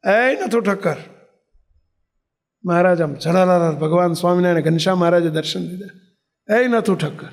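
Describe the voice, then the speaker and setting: Man, sermon, high-pitched voice, storytelling, acts out characters, asks listeners questions. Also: creaky. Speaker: preacher.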